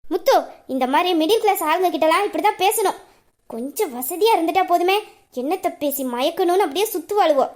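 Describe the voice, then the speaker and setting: Sneering spiteful rich young woman, played by a woman, very high and rapid, taunting. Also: expressive. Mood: scornful. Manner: sneering, fast insults.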